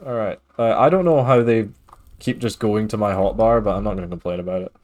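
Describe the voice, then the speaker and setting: A man from Scotland with a mild accent hosts a casual gaming stream, his fairly low voice moving at a quick pace over soft background music. He reads and replies to chat in a relaxed, chatty way, using frequent fillers.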